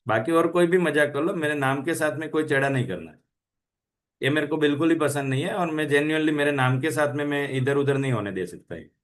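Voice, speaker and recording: Chatty man with a higher voice. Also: quick pace. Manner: chatty, switching languages, rhetorical questions. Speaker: health channel host. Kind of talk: casual motivational talk.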